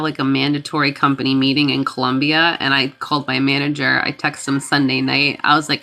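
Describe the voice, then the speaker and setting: On her reiki livestream, a woman with a low, sharp-toned voice chats informally, welcoming viewers and thanking them by name. She sounds stuffed up and sniffly with a cold.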